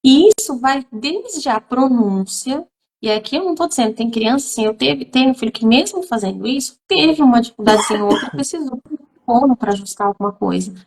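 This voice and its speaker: A woman's voice: fairly high pitch, lively intonation, a little fast. A woman, a literacy teacher who is also a mother, talking emphatically to viewers in a live stream, full of fillers and direct appeals. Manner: emphatic, addresses audience directly, many fillers.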